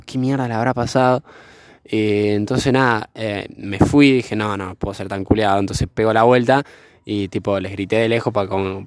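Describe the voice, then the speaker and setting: A man's voice: lowish voice, no echo. A young man telling a story in casual, rambling chat, full of slang and swearing. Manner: rambling, slangy, swears freely, laughs often. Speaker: vlogger. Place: outdoors by a fire.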